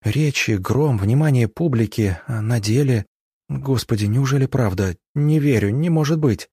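A man's voice: medium pitch, normal speed, dark tone, slightly rough, no room sound, clean studio sound. A man voicing a naive young woman schoolteacher who speaks in faltering, stunned phrases. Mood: shaken disbelief.

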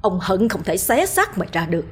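A woman's voice: mid-range voice, animated, normal speed, husky. A woman voicing a cruel, vengeful older man, a sorcerer who snarls threats through gritted teeth. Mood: snarling threats.

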